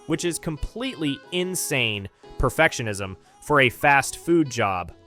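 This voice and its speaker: Male narrator, scripted and sardonic, fairly high with a very animated delivery. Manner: sarcastic, incredulous commentary. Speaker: cartoon commentary narrator.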